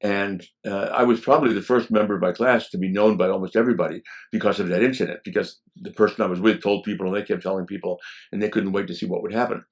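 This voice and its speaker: A man in his seventies, a law professor, telling stories from his past in a relaxed way, with many "um" fillers. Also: lowish voice, fast. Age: 70s. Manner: relaxed and anecdotal, with frequent "um" fillers. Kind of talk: reminiscing interview storytelling.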